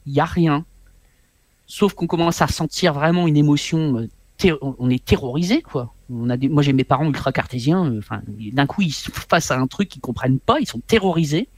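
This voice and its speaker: A man in his forties, a guest author, telling a personal story in an interview in an animated, halting way, often repeating his words. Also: a little high, no room sound.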